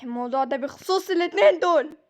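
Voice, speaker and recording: A woman voicing a stern male hospital boss in an Egyptian accent, with a grave, lowered voice. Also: very fast, a little mellow, close to an everyday voice. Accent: Egyptian Arabic.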